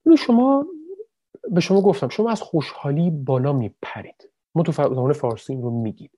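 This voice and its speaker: A man giving an animated explanatory talk, addressing his listeners directly, with frequent fillers and self-corrections. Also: a little high, slightly rough, dry recording. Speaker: lecturer. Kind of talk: explanatory talk on language and emotion.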